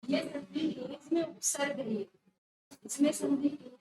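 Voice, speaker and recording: A woman's voice: sits high, fairly even intonation, unhurried. A woman teacher going over exam questions with her students, firmly correcting mistakes and repeating key words. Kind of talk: exam prep lesson going over a test. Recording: echoey room with faint noise.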